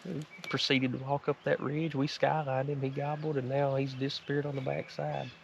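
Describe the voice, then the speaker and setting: A man's voice: mid-range voice, little pitch movement, moderate pace, vocal fry, lo-fi sound. A man, chatting casually in folksy country phrasing on a hunting vlog. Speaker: turkey hunter. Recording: noisy outdoor field recording.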